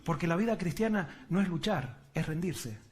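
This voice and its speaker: A man's voice: high voice, expressive, moderate pace, slight background noise. A man preaching a sermon as a pastor, asking rhetorical questions and answering them himself, and telling stories with acted-out quotes.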